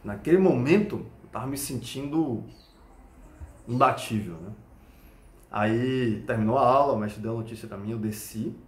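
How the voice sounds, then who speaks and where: Brazilian guy teaching krav maga, tells it like a story, keeps asking "get it?", mid pitch, roomy echo. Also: moderate pace. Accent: Brazilian Portuguese. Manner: animated storytelling with frequent checking questions. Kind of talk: explaining with a personal story. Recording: echoey room.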